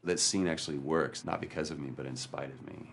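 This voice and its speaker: A man's voice: very deep voice, steady tone, a little fast, creaky, slight background noise. A male actor in an interview, candidly and reflectively recounting a hard experience. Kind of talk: interview storytelling.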